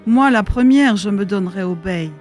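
A woman's voice: medium pitch, animated, normal speed, darkish tone, soft background music, lightly acted. A woman voicing a priest's desperate young daughter who is crying and pleading in an anguished, raised voice in a storybook reading. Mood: bitter defiant.

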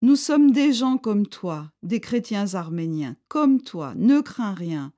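A woman's voice: medium pitch, big pitch swings, slow pace, dark tone. A woman voicing an armed rebel leader, a man who is stern yet friendly and speaks firmly in a raised voice. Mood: reassuring. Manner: firm, commanding, raised voice.

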